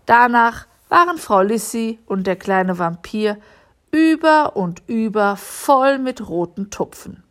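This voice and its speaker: Female audiobook reader, slow and calm, reading a children's story. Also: a little high. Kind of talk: storybook narration.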